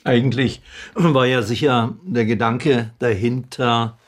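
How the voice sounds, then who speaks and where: A man's voice: mid-range voice, fairly even intonation, takes it slowly. An older man in his sixties being interviewed, musing and thinking aloud.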